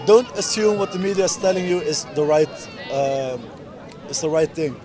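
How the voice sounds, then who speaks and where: A man's voice: a little high, normal speed. A man in his twenties from the Netherlands, interviewed at an outdoor street protest, speaking earnestly and emphatically in short insistent phrases. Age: 20s. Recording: outdoor street recording with loud crowd. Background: crowd of protesters.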